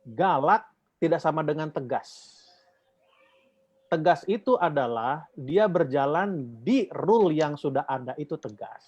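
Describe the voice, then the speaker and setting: A man from the Batak region speaks informally to a church group. He rambles, uses a lot of fillers and poses questions for the listeners to complete. The recording is dull and dry, like low-fidelity audio. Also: animated, a little slow, pauses often, darkish tone, no room sound. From Batak, North Sumatra.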